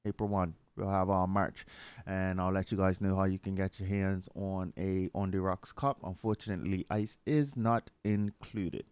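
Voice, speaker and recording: Male host, low voice, dry close mic, laid-back fillers. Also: moderate pace, smooth, no echo. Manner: relaxed, filler-heavy announcements. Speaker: show host. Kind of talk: casual podcast chat.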